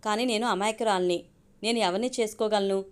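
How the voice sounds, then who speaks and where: A woman's voice: medium pitch, steady tone, brisk, clear, resonant tone, lightly acted. Woman reading as a naive younger sister. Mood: confiding.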